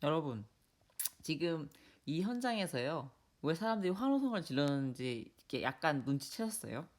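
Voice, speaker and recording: A woman's voice: low voice, big pitch swings, moderate pace. A woman professor giving a university lecture, asking her students questions directly.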